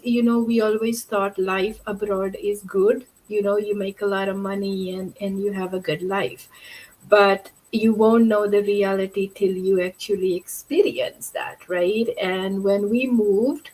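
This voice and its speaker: Husky-voiced woman from Fiji, chatty. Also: medium pitch, darkish tone, rough recording. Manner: chatty, with frequent fillers and restarts. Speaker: interview guest. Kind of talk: casual interview talk.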